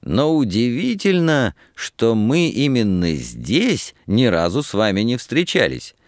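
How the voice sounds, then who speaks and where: A male reader voicing a jovial, talkative student who exclaims warmly in an audiobook. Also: mid-range voice, wildly swooping pitch, unhurried, voice pushed up. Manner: exclaiming, warm.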